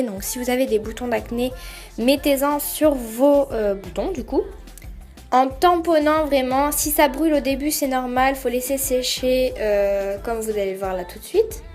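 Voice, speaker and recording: Young girl narrating her routine over quiet music, kinda high voice, lots of euhs. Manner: hesitant, many fillers. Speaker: beauty vlogger. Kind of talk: casual voice-over explaining a routine. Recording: voice-over with faint music behind.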